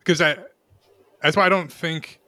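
Bright, halting man in casual chat. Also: fairly high pitch, steady tone, no room sound. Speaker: podcast panelist.

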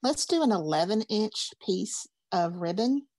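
A woman's voice: medium pitch, animated, unhurried, darkish tone, no echo. A woman, teaching a craft class in a chatty, upbeat, folksy way. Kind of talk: casual craft class instruction.

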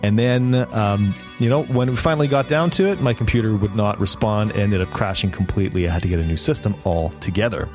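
A man with a French accent hosts a podcast interview in a somewhat low voice. He sounds eager and talks in loose, rambling sentences full of restarts. Faint music sits under his speech. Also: brisk, hardly any pauses. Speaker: podcast host.

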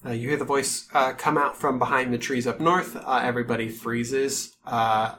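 Male game master, bright-edged voice, improvised narration in halting fragments, noticeable background noise. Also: medium pitch, fairly even intonation. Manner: halting, pieces scenes together in short phrases.

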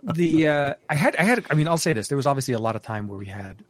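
A man's voice: on the high side, big pitch swings, fast talker, no echo. Male podcast co-host, casual rambler, many restarts and fillers, dry close mic. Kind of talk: casual tech podcast chat.

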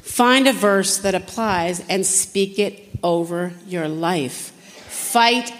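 A woman's voice: lowish voice, slow pace. A woman giving an earnest sermon-style talk at a women's conference, asking the audience direct questions. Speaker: conference speaker. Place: conference hall. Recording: long hall reverb.

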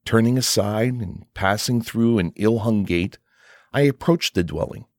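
A man reading a classic short story aloud as an audiobook narrator, in a measured, unhurried way. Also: fairly low pitch, dry recording, clean studio sound. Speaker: audiobook reader. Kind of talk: scripted narration.

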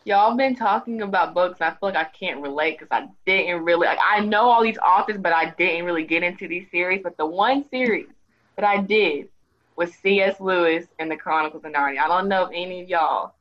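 A woman chatting casually on a podcast in a relaxed way, saying "y'all.". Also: on the low side, fairly quick, lo-fi sound. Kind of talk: casual group chat.

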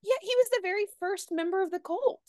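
A woman's voice: very high voice, quick pace, darkish tone, no echo. Chatty young woman, dry close sound. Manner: chatty storytelling with frequent "like" and laughs. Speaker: podcast guest. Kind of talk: casual chat.

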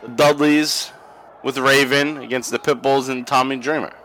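A man's voice: medium pitch, steady tone, moderate pace, a bit bright, a little hiss or hum, rough recording. A young man co-hosting a podcast, watching old wrestling and chatting casually, profane and laughing a lot. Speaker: podcast co-host. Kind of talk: casual watch-along commentary.

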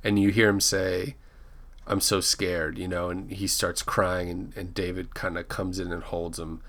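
A man's voice: low-pitched, level tone, moderate pace, a bit bright. A man co-hosting a casual podcast, recapping a TV episode in a rambling way and often correcting himself. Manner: rambling, restarts and self-corrects names. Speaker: podcast co-host.

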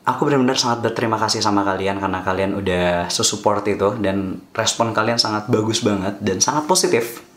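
A man talking casually to his vlog viewers in a chatty, reassuring way, switching between Indonesian and English. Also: on the low side. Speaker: vlogger. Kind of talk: casual talk to camera. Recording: echoey room with soft guitar music.

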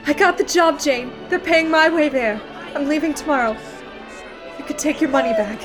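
A woman playing a cheerful young woman with a high voice. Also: normal speed, over loud music, a loud crowd, close to an everyday voice. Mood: grateful.

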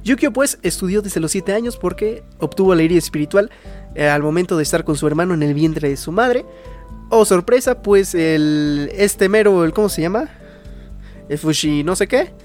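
A young Mexican man talks in a high, slangy ramble as he recaps a story in casual chat. He cuts in with loose asides, and faint music plays under his voice. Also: expressive, moderate pace, darkish tone. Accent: Mexican Spanish. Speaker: podcast co-host recapping anime.

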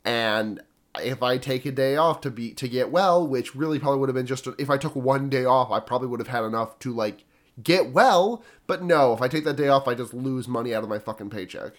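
A woman's voice: extremely low pitch, brisk. A woman co-hosting a podcast while sick with a cough. She chats bluntly and swears freely, stumbling over words now and then. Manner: profane, blunt, stammers at times. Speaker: podcast co-host. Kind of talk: casual chat.

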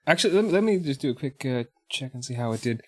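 A man co-hosting a casual podcast, talking in a laid-back, hesitant way with frequent fillers and restarts. His voice has an ordinary middle pitch for a man. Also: animated, quick pace, darkish tone. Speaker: podcast co-host. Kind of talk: casual chat.

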